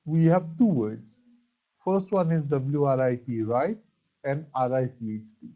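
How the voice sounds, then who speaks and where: A man's voice: medium pitch, a little slow. A man with an Assamese accent teaching an English grammar lesson, spelling out words and answering his own questions. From Assam, India. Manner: asks questions and answers them himself, praises with "very good". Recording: dull lo-fi recording.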